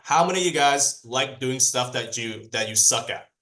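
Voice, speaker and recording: At medium pitch and a moderate pace, a native Cantonese-speaking man leads an energetic sales training session for a group. He keeps quizzing the group and going back over the main points.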